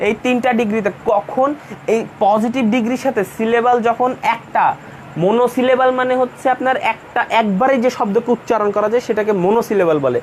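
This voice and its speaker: A man's voice: extremely high pitch, fairly even intonation, fairly quick, slight background noise. A man teaching an English grammar class in Bengali, explaining patiently and going over each point again. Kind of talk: online class lecture.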